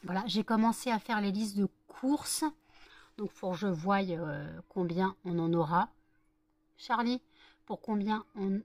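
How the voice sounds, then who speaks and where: A woman vlogging casually at home, rambling and thinking aloud with many hesitations. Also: medium pitch. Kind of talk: casual chat to camera.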